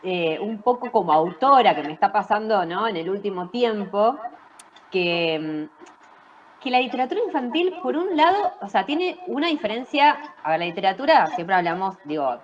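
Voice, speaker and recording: A woman's voice: mid-range voice, very animated, normal speed, highs cut off, slight background noise. A woman with an Argentine accent, an invited author, reflecting thoughtfully and searching for words. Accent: Argentine Spanish. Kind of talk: reflective conversation on a video call.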